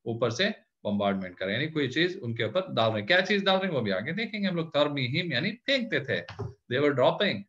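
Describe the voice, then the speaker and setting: A male teacher working slowly through a word-by-word scripture grammar lesson. His voice is animated and moves up and down a lot as he repeats words and meanings and checks that his students follow. The recording sounds a little dull and lo-fi. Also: on the high side. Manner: keeps checking in with "theek hai na?".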